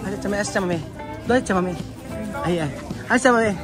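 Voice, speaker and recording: A woman vlogging outdoors, chatting with children in a lively, coaxing way and switching between languages. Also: medium pitch, fast talker. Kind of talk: casual vlog chat with children. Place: busy street outdoors. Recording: crowd and music noise outdoors. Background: street crowd and music.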